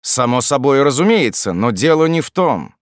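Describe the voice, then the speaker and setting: A man's voice: medium pitch, very animated, moderate pace, no room sound, studio quality, pitched above the performer's own voice, natural voice. A man voicing a stern, commanding young male officer in an audiobook, speaking with firm authority. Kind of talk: audiobook reading.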